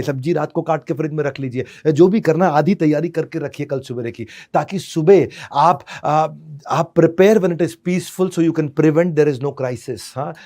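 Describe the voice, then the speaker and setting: A man's voice: on the high side, dark tone. A man giving a dramatic, emphatic motivational lecture on parenting, with rhyming asides and English phrases mixed in. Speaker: parenting speaker.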